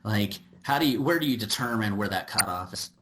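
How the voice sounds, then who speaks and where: A man's voice: lowish voice, animated, brisk, background noise. A man hosting a podcast, chatting casually and trailing into fillers and repeated words. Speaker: podcast host.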